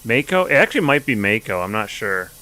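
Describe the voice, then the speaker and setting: A man's voice: lowish voice, big pitch swings, quick pace, pushed and bright. A man streaming a video game, chatting casually with jokes and swearing as he plays. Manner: chatty, joking, profane. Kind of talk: casual gameplay commentary.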